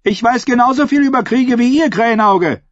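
A man's voice: extremely high pitch, a little fast, no room sound, muffled recording, voice pushed up. A man doing a scornful young woman captain. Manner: scornful, mocking.

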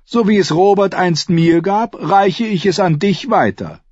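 A smug young nobleman taunts with a high, sing-song lilt, stretching out his words, as a man puts him on. The voice is husky, with a lively, swooping pitch. It sounds dry and a little dull. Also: dry recording, exaggerated voice. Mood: mocking. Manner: high, taunting, drawn-out delivery.

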